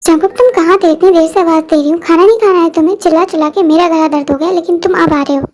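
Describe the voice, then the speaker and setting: A very high-voiced reader playing a bossy young woman who scolds the household. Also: fast talker, darkish tone. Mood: scolding.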